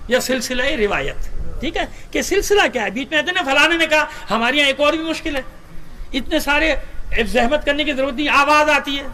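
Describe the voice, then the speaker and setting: Man, Pakistani Urdu accent, sermon, rhetorical questions to the crowd, high-pitched, sharp tone. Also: a little hiss or hum. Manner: rhetorical, asks the audience questions, chants Arabic slowly. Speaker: Shia cleric. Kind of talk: majlis sermon with hadith reading.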